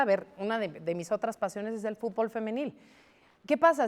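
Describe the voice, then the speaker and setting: A Mexican woman in her forties speaks with a fairly high, animated voice, throwing out rhetorical questions as she makes her case. Her words ring with a long reverb, as if she were in a large, echoing studio. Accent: Mexican Spanish. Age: 40s. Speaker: guest. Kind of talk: studio debate chat.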